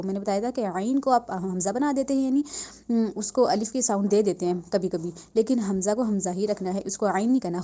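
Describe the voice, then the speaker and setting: A woman teaching Quran recitation, patiently correcting pronunciation, drawing recited words out slowly and often checking that listeners follow. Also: medium pitch, mellow. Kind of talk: spoken tajweed lesson.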